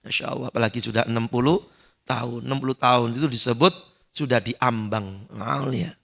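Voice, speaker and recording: A male preacher giving an animated dawn sermon in a mosque, acting out shouted pleas and joking with the congregation. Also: mid-range voice, a little fast, vocal fry.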